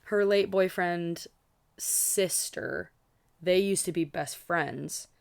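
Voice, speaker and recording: A young woman with a low, gravelly yet smooth voice speaks slowly during a live read-along stream. Tired and a little scratchy, she chats casually to her audience, sprinkling in fillers and asides.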